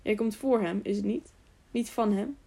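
A grumpy, sleep-roused innkeeper in a storybook tale, voiced by a woman narrator. He answers gruffly and curtly, grumbling about being woken and about his stiff legs. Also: mid-range voice, moderate pace, warm tone. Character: grumpy sleepy middle-aged male innkeeper.

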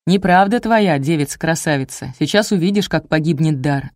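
A woman's voice: sits low, lively intonation, normal speed, a little mellow, dry recording, studio quality. A woman voicing a sly old male village sorcerer who swindles people, with a sing-song, falsely sweet folksy patter.

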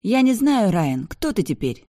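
A woman's voice: medium pitch, lively intonation, moderate pace, mellow, dry recording, clean studio sound, pitched above the performer's own voice, natural voice. A reader voicing a petulant young woman who argues and pleads with her former lover in an audiobook. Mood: pleading. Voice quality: pleading, whiny. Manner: indignant, demanding. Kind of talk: audiobook dialogue.

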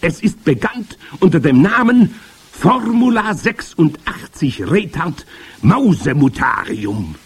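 A man voicing a commanding, evil old witch queen in a storybook reading, with shrill, gloating, theatrical speech. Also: sing-song, slow pace, slightly rough, heavily acted. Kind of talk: audiobook character voice.

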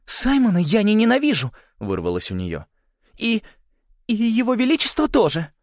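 Male narrator playing a gentle fretful girl, high and soft. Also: huge pitch swings, normal speed, no echo, studio quality. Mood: anxious. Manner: soft and weary. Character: gentle worried noble girl.

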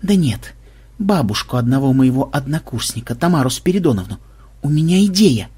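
A man voicing a young male programmer who talks eagerly and turns to sugary flattery. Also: medium pitch, a little fast, husky. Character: young male programmer, scheming and smooth-talking.

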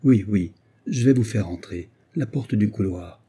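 A man voicing an agitated, tipsy, timid male doctor who pleads in a hushed, fretful way. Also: lowish voice, measured pace, husky. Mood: pleading.

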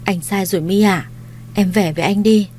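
A woman's voice: mid-range voice, steady tone, normal speed, darkish tone, slight background noise, natural voice. A woman voicing a desperate young man in an audio story, who pleads and then threatens. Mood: pleading. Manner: pleading, turning menacing.

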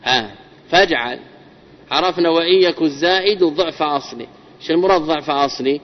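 A man's voice: fairly high pitch, fast. Man lecturing in a dull, reverberant hall. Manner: drills word patterns with rhetorical questions. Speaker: teacher of Arabic grammar. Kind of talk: classroom lecture on Arabic morphology. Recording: dull lo-fi recording with long reverb.

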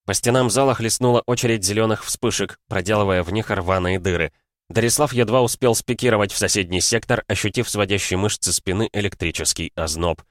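A male audiobook narrator with a lowish voice. His reading is steady and measured. The recording is dry, with the mic close. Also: no room sound. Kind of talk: audiobook narration of science fiction. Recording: dry close studio sound.

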